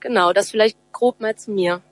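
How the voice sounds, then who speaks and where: A woman's voice: medium pitch, moderate pace. A woman from Germany, an activist guest introducing herself matter-of-factly over a phone call. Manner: brief, matter-of-fact self-introduction. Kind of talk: interview answers.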